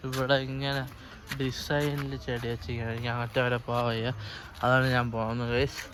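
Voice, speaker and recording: A man's voice: mid-range voice, little pitch movement, fairly quick, noisy background. A man with a Kerala Malayali accent chatting informally to viewers on a walking vlog, mixing in English words. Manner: informal, addresses viewers as guys constantly. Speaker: vlogger. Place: outdoors in a hill park.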